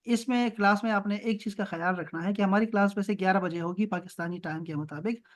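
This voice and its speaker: A man teaching an Arabic grammar lesson over a video call, encouraging and explaining words slowly, mixing in English. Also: sits high.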